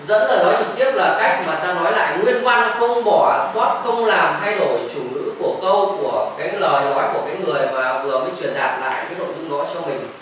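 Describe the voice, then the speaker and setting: A male teacher with a fairly high, fairly bright voice talks quickly, hardly pausing, during a patient grammar lesson where he repeats examples and mixes in English phrases. Children chime in, and the echoey classroom is recorded from far off with faint noise.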